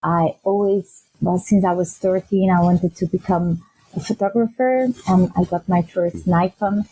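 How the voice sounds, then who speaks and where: A woman's voice: fairly low pitch, steady tone, a little slow, mellow, low-quality recording. Chatty Belgian woman, guest on a podcast. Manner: chatty, laughs often, searches for words. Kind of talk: casual interview.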